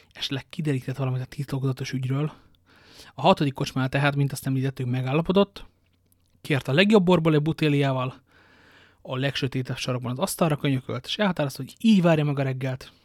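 A man reading a novel aloud in a lively storytelling manner, dropping in self-mocking asides. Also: medium pitch, no echo, studio quality. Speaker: audiobook reader. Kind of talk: novel narration with joking asides.

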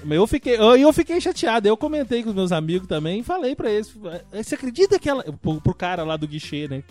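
A man co-hosting a casual podcast, telling a story in an animated way and acting out the dialogue. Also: high voice, fast talker.

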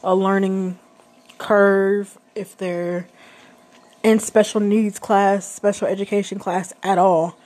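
A woman's voice: medium pitch, level tone, takes it slowly, a little mellow. A woman in her thirties, a stay-at-home mom, telling a personal story in a chatty, rambling way with many fillers and restarts.

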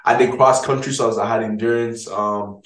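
A man in his twenties from Ghana, a guest telling stories in lively, slangy, energetic casual chat. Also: on the low side, a little fast, echoey room, poor audio. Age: 20s.

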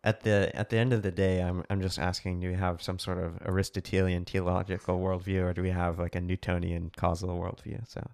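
A man's voice: low voice, flat delivery, a little fast, few pauses, darkish tone. A man co-hosting a casual book discussion podcast, thinking aloud and putting questions to the others. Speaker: podcast co-host.

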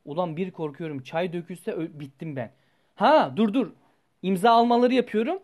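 A young man, a student, telling a personal story in a rambling, animated way and swearing freely. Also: high-pitched, normal speed. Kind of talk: casual storytelling vlog.

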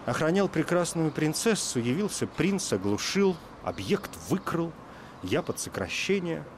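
A man's voice: fairly high pitch, sing-song, measured pace, noisy background, pitched above the performer's own voice. A man voicing a battered, meek dragon in a fairy tale, humble and plaintive.

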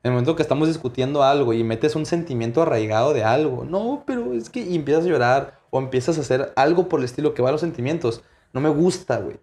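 A young Mexican man speaking bluntly in a casual chat, medium-pitched and slangy. He states firm opinions and keeps adding quick apologetic asides. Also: darkish tone. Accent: Mexican Spanish.

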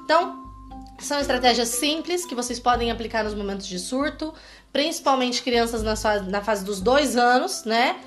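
A woman's voice: a little high, expressive, moderate pace, soft background music. A woman with a Brazilian accent giving a casual, playful parenting lesson, often ending with tag questions. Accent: Brazilian Portuguese. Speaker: parenting educator. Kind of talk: casual teaching talk.

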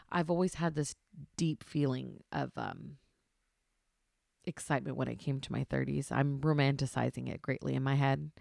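A woman's voice: a bass voice, creaky, no room sound, clean studio sound. A woman in her thirties hosting a podcast at home, talking in a casual, rambling solo monologue and keeping her voice down. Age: 30s. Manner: chatty, rambling, many fillers; hushed, trying not to be loud. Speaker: podcast host. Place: home at night.

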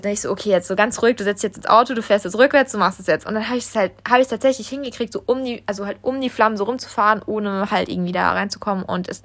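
Young German woman, podcast host, rapid chatty retelling, mid-pitched voice. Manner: fast, breathless retelling with many fillers and quoted dialogue. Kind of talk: casual storytelling.

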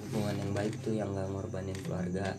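A man's voice: deep voice, little pitch movement, a little fast, background noise. A young man, chatting casually as a podcast panelist. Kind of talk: casual chat. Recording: music playing behind the voice.

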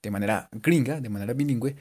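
A man giving a casual, joking English lesson and repeating English words slowly for his students. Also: medium pitch, a little mellow. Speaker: English teacher. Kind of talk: casual bilingual language lesson.

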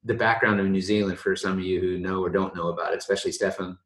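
A man's voice: deep voice, fairly even intonation, quick pace, fairly bright tone. An American man hosting a casual chat, rambling easily with restarts, recorded in an echoey room. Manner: laid-back, rambling with restarts. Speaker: host.

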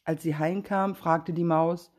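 Low-voiced woman reading a fairy tale. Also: fairly even intonation, unhurried, darkish tone. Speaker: storyteller.

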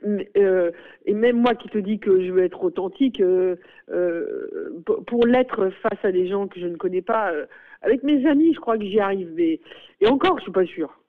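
A woman's voice: mid-range voice, moderate pace. A middle-aged woman, a school principal, talking in a radio interview, hesitant with many fillers and exclamations. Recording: phone-like radio sound.

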